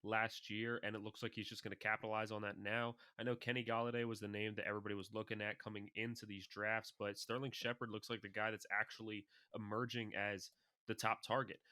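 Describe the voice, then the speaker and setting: Excitable male podcast co-host, dry sound. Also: on the low side, fast, dry recording. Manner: animated, excitable storyteller. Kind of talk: casual fantasy football chat.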